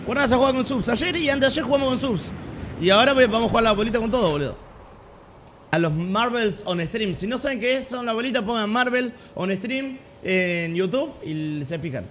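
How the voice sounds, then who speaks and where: Excitable Argentine streamer, lively high voice. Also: male voice, a little fast, a little hiss or hum. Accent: Argentine Spanish. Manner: excitable, slangy, repeats himself, sudden loud outbursts. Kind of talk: live gameplay streaming chat.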